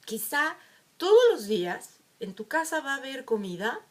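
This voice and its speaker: A woman's voice: sits high, moderate pace. A woman giving a reflective talk, telling a story and acting out the quoted lines. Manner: storytelling, animated with acted quotes. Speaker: emotional wellbeing speaker.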